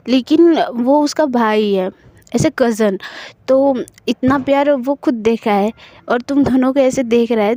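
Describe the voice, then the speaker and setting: A woman reading the part of a joking young male friend in an audio story, rambling and repeating herself, in a high, dry voice. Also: mellow, no room sound. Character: young man, joking friend who laughs easily.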